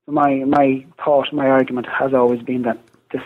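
A man's voice: medium pitch, flat delivery, moderate pace, narrow, tinny audio. A man from Galway with a west of Ireland accent, explaining his research as an interview guest.

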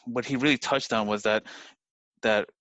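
A man hosting an interview podcast, talking earnestly and haltingly, often restarting his phrases. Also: mid-range voice, fairly even intonation, a bit bright, no echo, muffled recording. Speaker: podcast host. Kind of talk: conversational interview.

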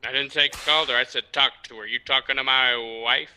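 A man's voice: medium pitch, fairly even intonation, fairly quick, pushed and bright, a little hiss or hum, rough recording. A man voicing a jealous male vice principal who accuses and repeats himself suspiciously. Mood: menacing.

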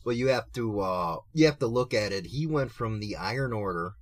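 A man with a fairly low voice hosts a casual talk show. He is opinionated, mocking and heavily profane. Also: animated, normal speed.

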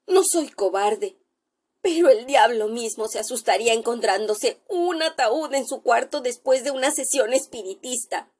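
A woman doing a young male doctor scared out of his wits, his voice pitched high and quavering. He blurts panicked, pleading lines in a spoken ghost story, breathless and trembling. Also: expressive, normal speed, a little mellow. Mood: shaken.

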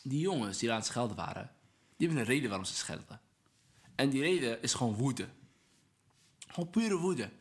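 A man talks like a preacher in a relaxed chat, earnest and persuasive. His voice sits in a middle pitch. He drops Arabic religious phrases into his speech and calls his listeners brother. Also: fairly quick, pauses often. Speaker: guest speaker on Islam. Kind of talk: casual podcast conversation, preaching tone.

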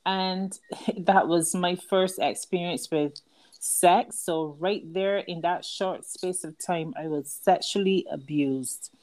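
A woman's voice: on the low side, takes it slowly, darkish tone. A woman with a Barbadian accent, a book author telling her life story earnestly as a guest in an interview. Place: outdoors at night with crickets. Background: crickets.

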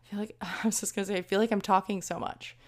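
A woman's voice: medium pitch, fairly even intonation, fast talker. A young woman in her twenties hosting a casual solo podcast, chatty and rambling with self-deprecating asides, a little out of breath. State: slightly out of breath. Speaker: podcast host.

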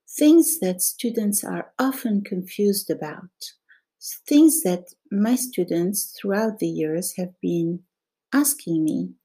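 A woman giving an explanatory language lesson as a teacher, speaking deliberately in short phrases with pauses. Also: mid-range voice, warm tone.

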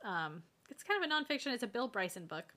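A woman's voice: on the high side, big pitch swings, quick pace, pushed and bright. A woman co-hosting a podcast in casual chat, laughing often and using many fillers. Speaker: podcast co-host.

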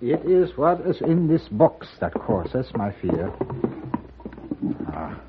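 A frail, cynical old shopkeeper. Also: male voice, medium pitch, sing-song, heavy background noise. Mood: wry. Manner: halting, broken phrasing with many pauses. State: weak and shaken. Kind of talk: 1950s radio drama acting. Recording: tinny old radio broadcast.

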